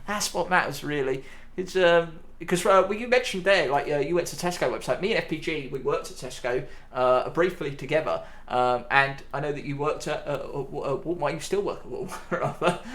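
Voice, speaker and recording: A woman's voice: low voice, a little fast. A woman hosting a casual podcast chat, chatty and giggly. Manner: chatty, giggly, animated intonation. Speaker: podcast host.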